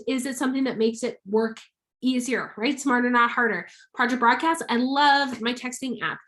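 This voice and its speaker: A woman's voice: on the high side, fairly bright tone. A woman giving a casual motivational business talk to camera, emphatic, often checking in with "okay?" and acting out sample messages. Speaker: network marketing coach.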